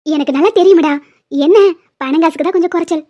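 A kindly old grandmother fusses lovingly over the girl she looks after, as a woman puts her on for a cartoon. The voice stays high and soft-spoken, recorded dull and muffled. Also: fast, close to an everyday voice. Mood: doting. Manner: warm, doting, affectionate. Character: kindly elderly grandmother, doting housekeeper. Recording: dull lo-fi sound.

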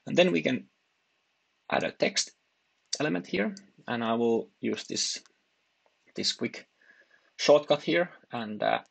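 A man narrating a screen-recorded software tutorial, talking haltingly with frequent restarts and fillers as he clicks through. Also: mid-range voice, expressive, gravelly, breathy edge.

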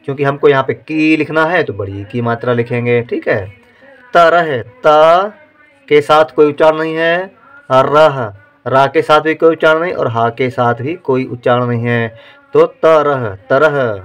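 A man teaching how to write words, slowly sounding out each syllable and repeating words like dictation. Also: mid-range voice. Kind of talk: slow dictation-style writing lesson.

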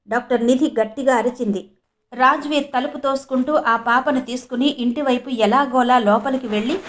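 A woman narrating a scripted story in an even, measured reading voice. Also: high-pitched.

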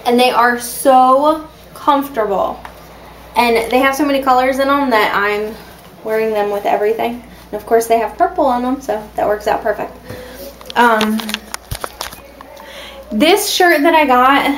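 A woman's voice: on the high side, a little slow, pauses often, slight background noise, poor audio. Chatty woman rambling to her camera. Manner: chatty and rambling, with many ums and restarts. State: has the hiccups. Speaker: vlogger. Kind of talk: casual vlog chat. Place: at home, indoors.

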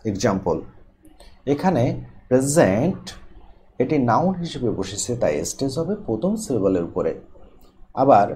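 Deliberate male teacher, mellow, lively pitch. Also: slight background noise. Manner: slow, deliberate, stresses key terms, reads out example words one by one. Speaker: English teacher. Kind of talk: instructional explanation.

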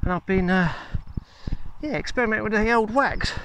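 A man's voice: sits high, normal speed, fairly bright tone, slight background noise. Rambling man chatting on a country walk. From England. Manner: rambling, chatty, self-mocking. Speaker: vlogger. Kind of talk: casual walking vlog chat. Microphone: handheld phone camera.

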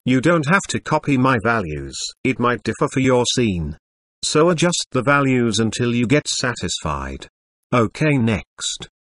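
A synthetic, stilted male computer voice, like an old speech synthesizer, narrating a scripted software tutorial. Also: mid-range voice, very animated, measured pace, no room sound, studio quality. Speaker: tutorial presenter.

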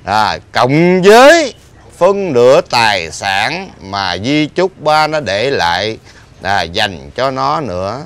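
An actor playing a blind, middle-aged ex-husband who pleads and complains at length in a TV drama. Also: male voice, medium pitch, sing-song, slow, a bit bright, clear, resonant tone, full character voice. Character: blind middle-aged man, self-pitying, talkative. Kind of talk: TV drama acting.

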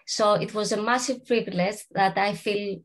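A woman's voice: medium pitch, normal speed. A woman from Greece, speaking earnestly and emphatically as a panelist over a video call. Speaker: panelist, head of UX research. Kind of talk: panel answer, casual. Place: home room with large windows.

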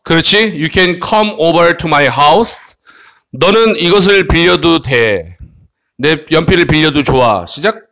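Male kids' English teacher, high bright voice, coaxing, keeps checking in. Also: expressive, slow pace, creaky. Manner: coaxing, frequent tag questions. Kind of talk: online English lesson for children.

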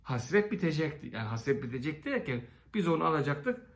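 Guy making a sarcastic speech in parliament, kinda high voice, big echoey hall sound, tells folksy stories. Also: sing-song, quick pace. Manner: sarcastic, folksy storytelling with rhetorical questions. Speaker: member of parliament giving a speech. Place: large parliament chamber.

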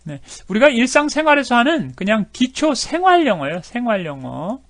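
A middle-aged man explains English phrases in a chatty, filler-heavy way. His voice sits high and swings in lively pitch. The sound is dry and close. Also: moderate pace, no room sound. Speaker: English teacher. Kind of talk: explaining lesson with video clips.

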